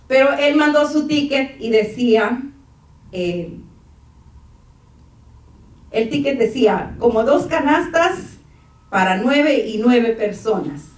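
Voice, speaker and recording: A middle-aged woman, telling a story in a church testimony sermon and acting out the dialogue. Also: fairly high pitch. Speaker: church speaker. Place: church hall. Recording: echoey church room, from far off.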